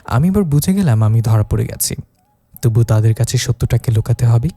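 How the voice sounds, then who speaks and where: A man reading a romantic story in the first person, voicing every character and raising his pitch for the young wife. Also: lively intonation, fairly quick, warm tone, no echo. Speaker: narrator. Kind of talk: scripted story narration with voiced dialogue.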